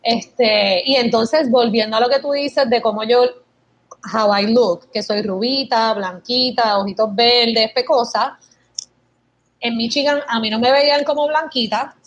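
A young Puerto Rican woman chats in a relaxed, lively way, slipping English words into her stories. Her voice sits a little on the high side. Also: measured pace, highs cut off. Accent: Puerto Rican Spanish. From Puerto Rico. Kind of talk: casual conversational chat.

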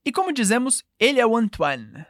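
A woman's voice: fairly high pitch, very animated, fairly quick, no room sound, studio quality. A woman with a Brazilian Portuguese accent teaching a call-and-response language lesson, patiently modelling phrases for the listener to repeat.

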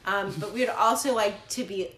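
Young woman, podcast co-host, neurotic halting ramble, repeated words, medium pitch, roomy echo. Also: fairly bright tone. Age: 20s. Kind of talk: casual chat. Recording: roomy, echoing sound.

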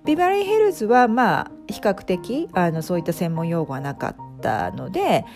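A woman's voice: fairly low pitch, very animated, normal speed, a little mellow, faint music behind. A middle-aged woman, a life coach, talking casually as a podcast guest, with many fillers and restarts. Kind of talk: casual interview talk.

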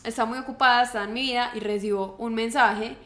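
A woman's voice: on the high side, steady tone, quick pace, fairly bright tone, echoey room. A young woman with a Colombian accent, telling a story in casual chat as a podcast co-host, acting out quotes with animation.

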